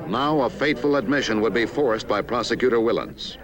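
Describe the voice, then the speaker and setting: A man narrating a scripted historical newsreel documentary in a measured, authoritative way. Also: medium pitch, a crowd in the background. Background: background music.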